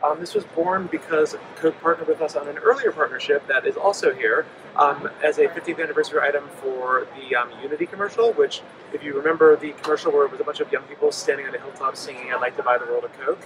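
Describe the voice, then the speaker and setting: On a loud trade show floor inside a busy convention hall, a man in his forties talks at a quick pace with a voice on the high side. Representing his company, he describes its products, saying um often, into a handheld mic the interviewer holds.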